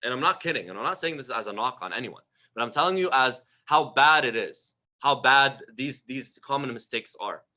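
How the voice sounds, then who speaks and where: A man's voice: mid-range voice, expressive, fairly quick, pushed and bright. A man giving a religious lecture, direct and emphatic, full of rhetorical questions aimed at his listeners. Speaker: religious teacher.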